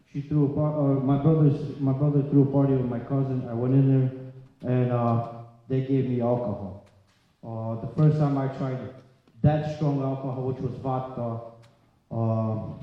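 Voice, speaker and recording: A Polish man in his 30s or 40s, a native Polish speaker with a medium-pitched voice, shares his story at a recovery meeting. He gives this personal testimony to the group in halting, plain-spoken short phrases. The very echoey hall adds long reverb and leaves the recording slightly dull.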